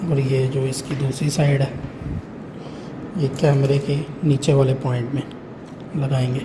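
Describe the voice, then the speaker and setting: This intercom installation tutorial features a man explaining step by step in a casual, hands-on way, frequently checking in with the viewer. He speaks a little slowly in a mid-range voice with little pitch movement, and the room recording is clearly noisy.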